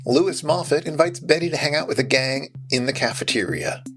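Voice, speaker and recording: A man's voice: fairly high pitch, very animated, a little fast, a bit bright. A man co-hosting a podcast, giving informal, wry commentary and trivia about a film. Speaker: podcast co-host. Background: music.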